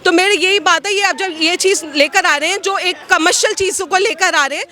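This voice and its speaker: A woman's voice: extremely high pitch, brisk, bright, forceful tone. A woman answering a street interview, arguing her opinion and mixing in English words. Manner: argumentative, mixes in English words. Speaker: passer-by interviewee.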